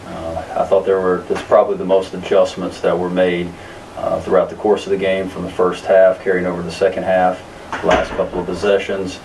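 Low-voiced coach, measured and halting. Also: male voice, completely flat delivery, darkish tone, far from the mic, slight background noise, poor audio. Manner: measured, many fillers and restarts. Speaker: basketball coach. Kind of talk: post-game press conference answers. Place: press room in front of a sponsor backdrop.

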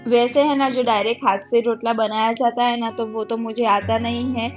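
A woman's voice: on the high side, steady tone, normal speed. A young woman, chatting her way through a home cooking voice-over and explaining each step with lots of tag fillers. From India. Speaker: home cooking vlogger and mother. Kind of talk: casual voice-over cooking narration. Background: faint background music.

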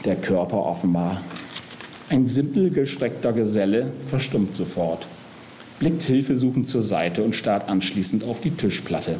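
Man with a low, mellow reading voice. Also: lively intonation, a little slow, a little hiss or hum. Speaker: author reading. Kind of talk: literary reading.

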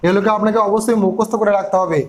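Guy with a high voice explaining grammar rules, spells out every word. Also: fairly even intonation, very fast, a little mellow, low-quality recording. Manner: spells words out letter by letter and asks questions back. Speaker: English grammar teacher.

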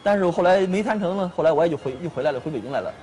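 A man's voice: fairly high pitch, lively intonation, rapid-fire, warm tone, soft background music. A man in his thirties recounting a family property dispute to a mediator, earnest and repeating himself.

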